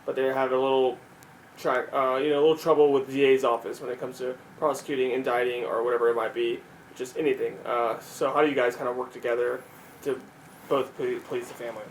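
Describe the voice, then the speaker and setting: A man's voice: mid-range voice, level tone, fast, a little hiss or hum, poor audio. A man interviewing someone informally, with tentative, wordy questions that ramble.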